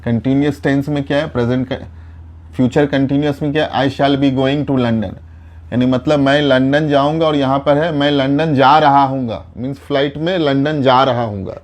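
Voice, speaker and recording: A man giving a spoken English lesson on tenses, asking himself questions and answering them, and saying each example sentence slowly. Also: medium pitch, steady tone. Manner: switches to slow, deliberate English for example sentences. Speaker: English teacher.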